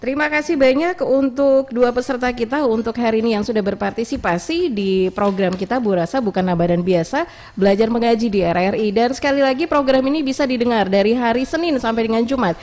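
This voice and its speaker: A woman hosting a radio program, giving brisk acknowledgements and announcements. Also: a little high, a little mellow. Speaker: radio host.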